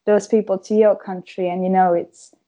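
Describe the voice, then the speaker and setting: A woman's voice: medium pitch, level tone, moderate pace, warm tone, lo-fi sound. A 21-year-old woman from Croatia, chatting as a podcast guest, giggling often and filling her talk with "like". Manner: giggly, chatty, many "like" fillers. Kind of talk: casual podcast interview.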